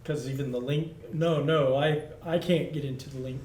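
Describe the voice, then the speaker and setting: A man's voice: a little high, steady tone, moderate pace, a little mellow. A man chatting casually as a player at a tabletop role-playing game. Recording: echoey room, faint background noise.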